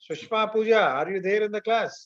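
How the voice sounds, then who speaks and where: A man's voice: high-pitched, fast. A man with a Telugu Indian accent teaching an online class step by step, mixing Telugu and English and often checking that students follow. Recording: dull, lo-fi online class audio.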